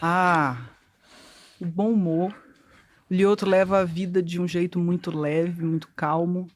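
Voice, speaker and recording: A woman, the guest's wife, answering an interview question in a calm, reflective way. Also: fairly low pitch, measured pace.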